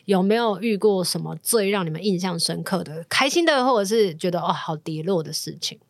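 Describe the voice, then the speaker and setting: A woman's voice: lowish voice, lively intonation, brisk, dry recording. A woman hosting a podcast interview, asking questions casually and often chiming in with short affirmations. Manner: attentive, frequent short affirmations. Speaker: podcast host.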